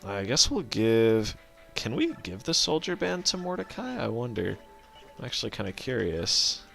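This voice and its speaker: A man's voice: medium pitch, sing-song, moderate pace, creaky, a bit bright, soft background music. A man giving casual gameplay commentary as a let's play host, rambling, correcting himself and swearing offhand as he thinks aloud.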